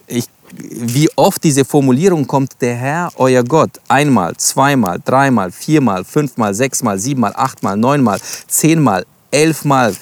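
In this sermon, a male preacher with a mid-range voice reads Bible verses aloud and explains them. He puts stress on single words and addresses his audience directly.

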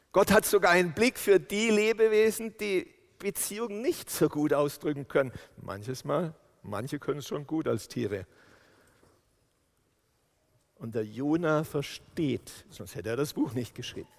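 Man, preacher, sermon, animated storytelling, slow deliberate pace, long church-hall reverb. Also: on the high side, gravelly. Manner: animated storytelling, acts out quotes.

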